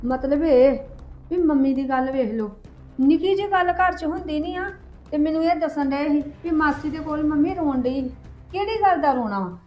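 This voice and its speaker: A woman acting out a resentful young woman in a homemade family drama, confronting her relatives with sharp accusations. Her voice is high, and the recording sounds dull and lo-fi with faint music behind it. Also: moderate pace, lightly acted. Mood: aggrieved.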